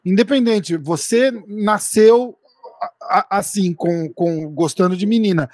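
A woman hosting a casual chat, quick to agree and full of fillers. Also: medium pitch, a little mellow, no room sound.

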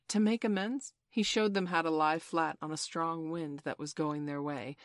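A woman narrating a children's storybook in a measured, expressive reading voice. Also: fairly low pitch, no room sound, studio quality. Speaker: audiobook narrator.

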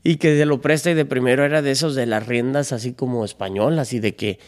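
A man's voice: medium pitch, fast. A man from Chicago, a podcast guest telling long family stories in a rambling, profane way and acting out the quoted voices. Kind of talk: casual storytelling chat.

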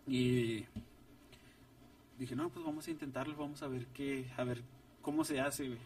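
Young musician, rough fry, animated slang storyteller, distant mic, light hiss. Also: male voice, mid-range voice, normal speed. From Ciudad Juárez, Mexico. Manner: slangy, animated retelling with voiced quotes. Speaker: ska band musician, guest. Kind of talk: casual chat, storytelling. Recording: distant mic with faint noise.

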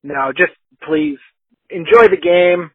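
A man on a podcast, talking fast and emphatically with plenty of fire. His voice sits a bit high and sounds husky. It comes through a tinny, phone-like line with no room sound. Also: dry recording. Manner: fired-up, emphatic predictions. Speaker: podcast co-host. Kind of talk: sports podcast chat.

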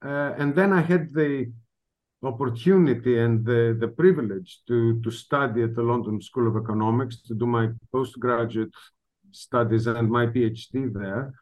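A man's voice: medium pitch, normal speed, darkish tone. A middle-aged man from northern Greece with a Greek accent, a history professor answering an interview question reflectively and hesitantly, full of fillers and restarts.

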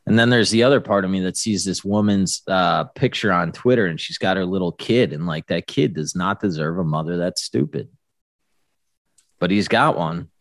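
A man's voice: sits low, moderate pace, no echo, studio quality. A man co-hosting a finance podcast, speaking candidly with frequent profanity. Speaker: podcast co-host. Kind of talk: casual finance podcast chat.

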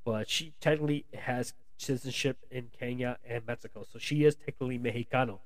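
A man's voice: medium pitch, fairly even intonation, fairly quick, dry recording. Rambling American man reviewing a film. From United States. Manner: rambling, loose, with many restarts and fillers. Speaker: movie reviewer. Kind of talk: casual spoken film review.

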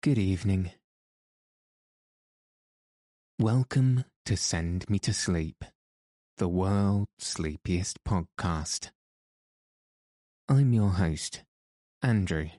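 A man narrating scripted bedtime stories as a sleep podcast host, with a soothing, measured delivery meant to lull listeners to sleep. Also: low voice, dark tone, dry recording, studio quality.

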